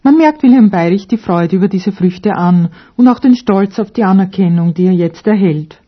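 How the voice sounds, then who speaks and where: A woman's voice: medium pitch, animated, normal speed. A woman narrating a scripted radio feature as a reporter. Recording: dull radio recording, faint music.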